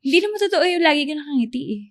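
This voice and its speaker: A young woman in her twenties from the Philippines, co-hosting a podcast in casual chat, a lively, playful storyteller. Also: sits high, rapid-fire. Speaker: podcast co-host.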